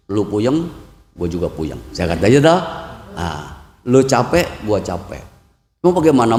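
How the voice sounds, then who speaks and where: A man's voice: medium pitch, creaky, a little mellow, slight background noise. A man with a Jakarta Betawi accent giving a humorous Buddhist dharma talk, bantering with the audience and acting out talks with his wife. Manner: acts out dialogue with his wife. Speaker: Buddhist preacher. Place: temple hall. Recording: echoey hall, long reverb.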